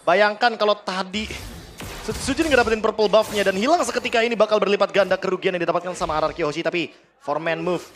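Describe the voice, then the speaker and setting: A man's voice: sits high, fast talker, a bit bright. A man with an Indonesian accent giving analytical commentary on an esports match. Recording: game music behind the voice. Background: music.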